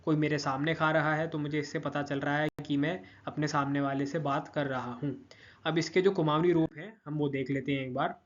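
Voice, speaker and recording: A man's voice: a little high, steady tone, fairly quick, dull audio. A man giving a patient grammar lesson, repeating each word form and checking in with listeners often. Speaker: language teacher.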